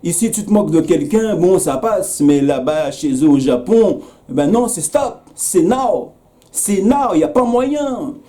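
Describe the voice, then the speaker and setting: A man's voice: high-pitched, animated, unhurried, mellow. A man speaking straight to camera in a video commentary, earnest and repetitive, with many hesitations, calling out another creator by name. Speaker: YouTube commentator. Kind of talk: direct-address video commentary.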